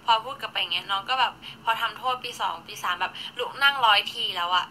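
A woman's voice: medium pitch, fast, sharp tone, a little hiss or hum, rough recording. A woman in her twenties chatting casually on a live stream, snacking and thanking viewers as she talks. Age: 20s. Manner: chatty, eats and reads viewer gifts while talking.

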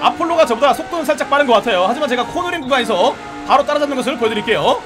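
A man giving excited, playful commentary while reviewing a car in a racing game, shouting at rival cars. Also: very high-pitched, rapid-fire. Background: background music and engine sounds.

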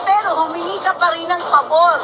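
Woman vlogger with a very high voice, ranting and repeating insults for punch, with loud music in the background. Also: steady tone, brisk, poor audio. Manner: scornful, insulting, repeats words for emphasis. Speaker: reaction video host. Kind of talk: ranting reaction video. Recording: loud music playing behind.

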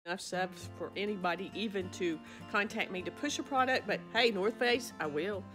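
A woman's voice: medium pitch, normal speed, music in the background. A middle-aged woman, talking casually to her phone camera in a small indoor office. She speaks in a folksy, rambling way, often restarting or trailing off. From Arkansas. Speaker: vlogger, physician and farmer. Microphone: phone camera up close.

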